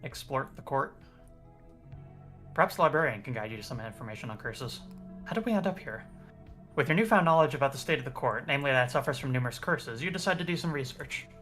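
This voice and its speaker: A man's voice: medium pitch, animated, fast talker, sharp tone, soft background music. A man reading game text aloud as narrator during a playthrough.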